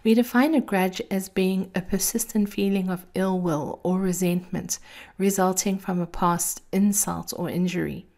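Sultry, creaky-voiced woman host. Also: on the low side, steady tone, moderate pace, a little mellow. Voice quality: sweet, creaky. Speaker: host of a daily encouragement series. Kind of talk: scripted motivational monologue.

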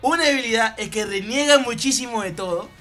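A man's voice: very high voice, brisk, over music. A man, co-hosting a casual chat and teasing his friend between laughs. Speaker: co-host.

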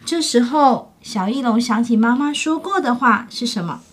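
A woman with a fairly high voice reads a picture book aloud to children. She tells the story expressively and stops now and then to ask her listeners questions. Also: animated, normal speed.

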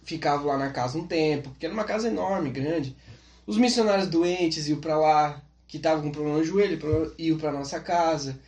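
A man's voice: on the high side, a little fast, reverberant. A man, a podcast guest, telling funny anecdotes casually and acting out the quoted people. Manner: animated, acts out quotes.

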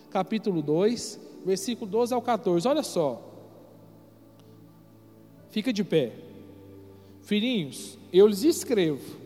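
A man's voice: sits high, darkish tone. A man preaching emphatically to a youth congregation as pastor. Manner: emphatic, addresses the congregation directly. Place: church sanctuary. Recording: reverberant church hall with music behind.

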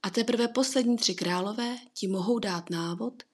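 A woman's voice: mid-range voice, slightly rough, close to an everyday voice. A woman playing Gabriela, a soothing being of light. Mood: gentle. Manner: slow, soothing, patient.

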